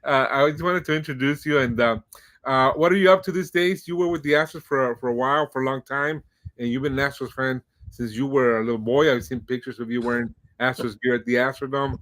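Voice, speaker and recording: A man's voice: mid-range voice, steady tone, fairly quick. A middle-aged man hosting a podcast, introducing his guest in a rambling, casual way full of fillers. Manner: warm-hearted, rambling, many fillers. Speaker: podcast host. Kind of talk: casual interview.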